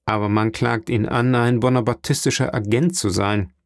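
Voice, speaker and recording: A man's voice: mid-range voice, steady tone, normal speed, no echo, studio quality, natural voice. A man voicing a grave, dignified shipowner. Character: worried, dignified middle-aged male shipowner.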